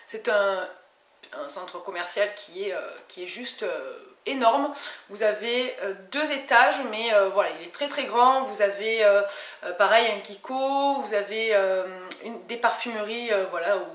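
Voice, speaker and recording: A woman's voice: medium pitch, expressive, measured pace, a bit bright. A woman from France chatting casually through a beauty haul, hesitating often and restarting her sentences. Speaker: beauty vlogger. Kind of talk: casual haul video chat. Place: home room. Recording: echoey room with faint noise.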